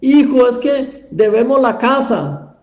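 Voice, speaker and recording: A despairing, forgetful old mother, as a male preacher puts her on, pleading in a raised, slow voice. Her lines ring through an echoey church room. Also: very high-pitched, lively intonation, a little mellow, lo-fi sound, voice pushed up, exaggerated voice. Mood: sorrowful.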